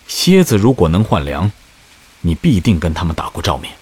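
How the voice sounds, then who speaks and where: Cool sharp young commander, low husky voice, lively tone. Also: male voice, normal speed, heavily acted. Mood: probing. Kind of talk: audio drama acting.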